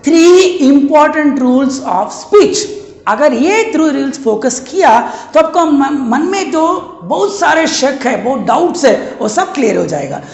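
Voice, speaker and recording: A man with an Indian accent teaching a spoken English lesson, drilling words and having students repeat them, and slowing right down for English phrases. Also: very high-pitched. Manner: slows down sharply for English phrases. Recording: roomy echo.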